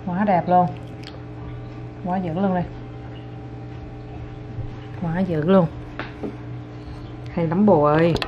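At home indoors, a mother and vlogger chats with her toddler and her viewers, coaxing and playful and often laughing. Her voice is on the low side with fairly even intonation, a slow pace, and long pauses, in a dull lo-fi home video with faint noise.

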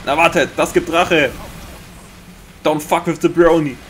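A young man with a Bavarian accent giving excitable Let's Play commentary, swearing often and making sound-effect noises. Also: on the high side, a little slow, slight background noise. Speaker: gaming commentator.

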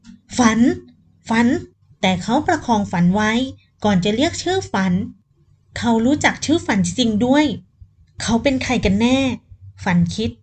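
A woman narrating a romance novel audiobook in a steady storytelling voice. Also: on the high side, normal speed.

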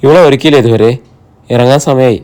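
A man voicing a calm, good-natured young man in an audiobook, reassuring his mother and sister. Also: medium pitch, fast talker, clean tone, natural voice.

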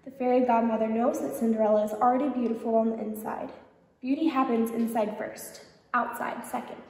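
A woman reads a children's picture book aloud at a library storytime, pausing to ask the children gentle questions. Her voice is fairly high. It echoes around a large room from far off the mic. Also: steady tone, vocal fry. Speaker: storytime reader. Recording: echoey hall, distant mic.

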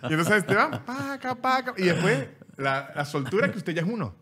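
A man's voice: high voice, a little fast, husky. A Venezuelan man hosting a podcast, chatting casually and jokingly, often restarting his words. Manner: animated, joking, many restarts. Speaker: podcast host. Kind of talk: casual chat.

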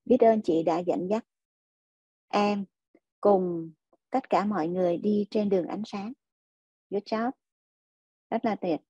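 A woman hosting a spiritual energy livestream, reading viewer comments and chatting casually, full of enthusiastic praise and drawn-out filler sounds. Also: medium pitch, warm tone, breathy edge, no echo. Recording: dull lo-fi sound.

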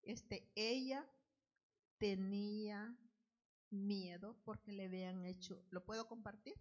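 A woman giving an earnest spoken testimony at the altar of a church, in unhurried, loosely strung phrases. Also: mid-range voice, fairly even intonation, lo-fi sound. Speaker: church member giving testimony, Bible study leader.

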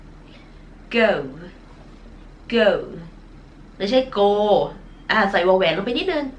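Woman teacher from Thailand, nasal tone, mid pitch, patient and drawn out on example words. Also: very animated, slight background noise. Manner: patient, drawn-out model pronunciations; self-conscious about her nasal voice. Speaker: English teacher. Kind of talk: recorded online lesson.

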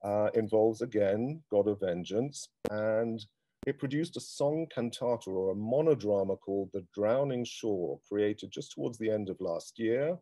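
Middle-aged guy hosting an online event, lowish warm voice, dry sound, lots of ums. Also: no echo. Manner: unhurried, thoughtful, with frequent ums and restarts. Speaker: host. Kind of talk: hosting a live-streamed cultural event.

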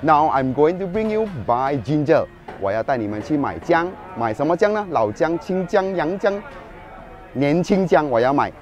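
Middle-aged guy showing a recipe, excitable and chatty, lapel mic, faint music behind. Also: fairly high pitch, moderate pace. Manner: switches between English and Mandarin, chatty and excitable. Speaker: cooking show host. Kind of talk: casual cooking demonstration. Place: outdoor market, then home kitchen.

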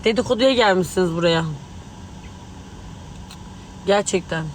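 A man's voice: high-pitched, measured pace, a little hiss or hum, rough recording. A man speaking angrily and agitatedly to tabloid reporters, swearing as he talks. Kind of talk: heated street remarks to the press.

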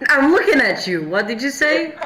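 A woman streaming a horror game with casual commentary, jumpy and scared, breaking into excitable exclamations. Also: high voice, normal speed, a loud crowd, poor audio. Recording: music behind the voice.

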